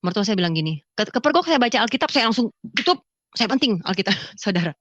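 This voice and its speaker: Animated woman telling a testimony. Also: medium pitch, fast, dry recording, highs cut off. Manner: animated storyteller who acts out dialogue in a raised voice. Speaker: testimony speaker. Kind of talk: spoken religious testimony to an audience.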